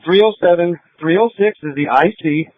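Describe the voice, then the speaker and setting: A man's voice: sits high, no echo. Man giving orders over police radio. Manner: brisk, clipped radio codes. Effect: police radio transmission. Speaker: police officer commanding a scene. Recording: tinny dry police radio.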